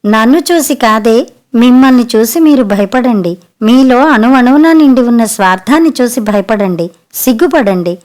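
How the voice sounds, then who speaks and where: A woman's voice: fairly high pitch, lively intonation, normal speed, a little mellow, close to an everyday voice. A woman voicing a grieving, reproachful elderly mother in an audiobook story, bitter and accusing.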